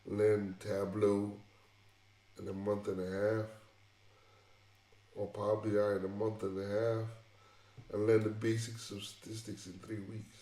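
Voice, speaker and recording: A man with a fairly low, mellow voice talks through career advice, hammering his points home and circling back over the same phrases. The sound is roomy and echoey. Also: little pitch movement, a little slow, long pauses. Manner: emphatic and repetitive, restarting phrases. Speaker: tech vlogger. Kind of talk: casual advice monologue.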